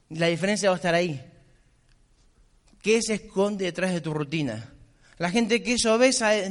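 High-voiced man giving a motivational speech. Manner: blunt, insistent, repetitive exhortation. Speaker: business mentor. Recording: long reverb of a hall.

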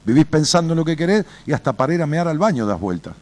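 A man with an Argentine accent talks through a caller's problem in a blunt, salty, colloquial way, weaving in folksy anecdotes. His pitch swings widely as he tells his stories, and there is a faint hiss and low rumble behind him. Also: fast talker. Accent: Argentine Spanish. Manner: blunt and colloquial, swears freely; animated storyteller, addresses listener directly. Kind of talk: advice talk with storytelling.

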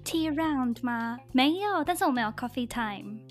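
A woman hosting a casual podcast conversation, chatty and animated as she tells stories. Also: high voice, moderate pace, soft background music. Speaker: podcast host.

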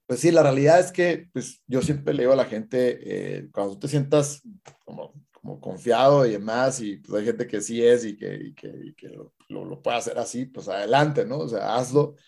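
Explaining things conversationally in an interview, this cold-exposure instructor is hesitant, full of fillers and restarts. He speaks at a moderate pace in a mid-range, sing-song voice that's gravelly and darkish.

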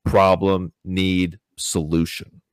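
Low-voiced male host, dry sound. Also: little pitch movement, slow pace, smooth, no room sound. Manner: agreeable, affirming interviewer. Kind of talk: conversational interview.

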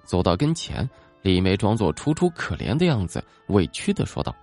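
A man narrating a ghost story in a dramatic, expressive way. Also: lowish voice, moderate pace, gravelly. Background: soft background music.

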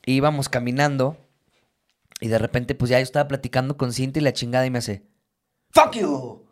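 A young man with a Mexican Spanish accent talks in a casual chat at a middle pitch. He tells stories in an animated way and swears freely. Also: fast talker.

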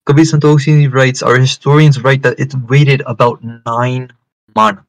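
Man, medium pitch, religious teacher, lecture style, emphatic repetition, mixes into English. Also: normal speed. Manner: repeats and rephrases phrases for emphasis; switches between English and Punjabi. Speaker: religious teacher giving a talk.

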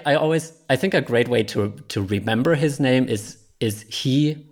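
A man's voice: medium pitch, a little fast. A man, a podcast guest in casual chat, talking with many restarts and a self-deprecating humor.

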